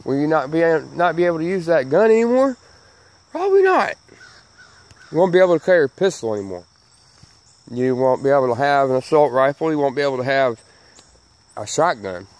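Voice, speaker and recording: Fairly high-pitched and a little mellow, this Southern US man rants his opinions to camera at a quick clip with lively intonation. As a channel host, he's folksy and emphatic, saying things over and over. His missing front teeth give his s-sounds a slight slur.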